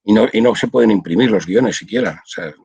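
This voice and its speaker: A man's voice: fairly low pitch, fairly quick, gravelly, darkish tone, husky, no echo, muffled recording. An older man from Spain, a translator, explaining his work at length in a casual video-call interview, with many restarts. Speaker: audiovisual translator, interview guest.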